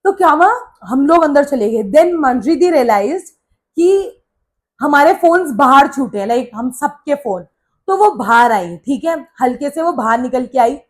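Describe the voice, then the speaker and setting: A young woman vlogger telling a story in a casual, animated way, mixing Hindi with English phrases. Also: high voice, unhurried.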